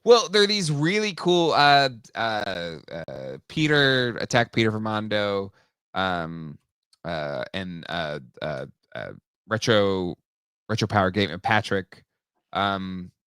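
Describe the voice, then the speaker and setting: Chatty man with a bright, forceful voice. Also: fairly low pitch, very animated, slow pace, clear, resonant tone, no echo, studio quality. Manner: rambling, many fillers and restarts. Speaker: podcast host. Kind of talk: casual chat.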